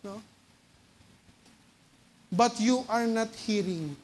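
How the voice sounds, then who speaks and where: A man with a Filipino accent preaching a sermon. He often asks the congregation "no?" and moves between loud urgent bursts and low quiet asides. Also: extremely slow. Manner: keeps checking with the congregation by tagging "no?" onto phrases. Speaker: lay preacher. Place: church hall. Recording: long reverb of a church hall.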